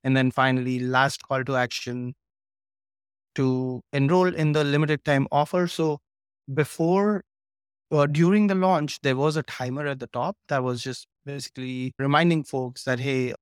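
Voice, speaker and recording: A man's voice: mid-range voice, fairly even intonation, moderate pace, no echo, clean studio sound. A man talking as an interview guest over a video call, eagerly walking through his material step by step. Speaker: guest course creator. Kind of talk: casual interview chat.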